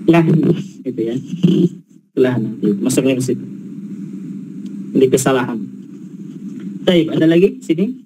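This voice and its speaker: A man's voice: medium pitch, animated, a little slow, pauses often, warm tone, a little hiss or hum, poor audio. A man from Indonesia teaching an Arabic class, explaining patiently with examples and checking whether his students follow.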